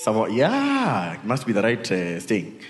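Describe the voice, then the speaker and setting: In a large, echoey indoor hall with long reverb, a Kenyan man preaches a conversational sermon over faint music. His lowish voice swoops wildly in pitch at a measured pace as he shares personal stories informally, sprinkling in tag questions and Swahili asides.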